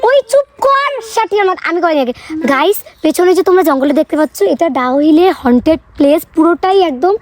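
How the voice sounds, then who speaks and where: Chatty high-voiced woman vlogging outdoors. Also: fast talker, no room sound. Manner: chatty, excitable, addresses viewers directly. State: out of breath on a climb. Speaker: travel vlogger. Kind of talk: casual travel vlog. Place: outdoors on a hillside.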